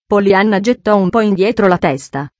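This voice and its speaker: A woman narrating a children's novel in a calm, measured storytelling voice. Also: mid-range voice, dry recording. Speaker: audiobook narrator. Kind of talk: scripted narration.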